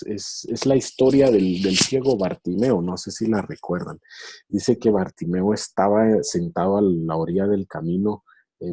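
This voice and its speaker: A man's voice: low voice, mellow, slightly rough. A man giving a reflective online lecture on theology, retelling a story and acting out its voices over a video call. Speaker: speaker in a theology webinar.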